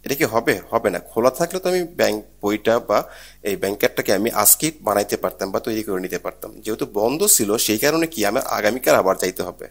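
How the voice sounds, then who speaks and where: A man with a somewhat low voice teaches an exam prep lesson. He goes through each question patiently, repeating key points and asking rhetorical questions before he gives the answer. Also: expressive, fast talker. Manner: explains step by step, repeats and asks rhetorical questions. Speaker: Korean language teacher.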